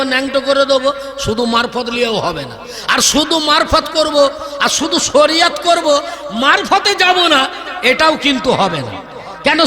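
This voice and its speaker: A man preaching a sermon into a microphone, in an emphatic, rhythmic style with repeated lists and calls to the audience. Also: very high voice. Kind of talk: Islamic sermon (waz) to a crowd. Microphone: public address microphone. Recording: long hall reverb with audible crowd. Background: crowd of listeners.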